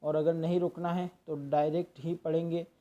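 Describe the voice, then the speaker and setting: A man giving a patient, step-by-step lesson on Quran recitation, stopping often to demonstrate drawn-out chanted verses. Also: fairly high pitch, little pitch movement, mellow. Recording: dull lo-fi recording.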